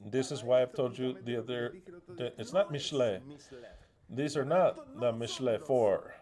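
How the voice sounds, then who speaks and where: An Argentinian-accented man delivers a sermon at an unhurried pace and medium pitch. He has the congregation echo his phrases back and alternates forceful stresses with hushed side remarks.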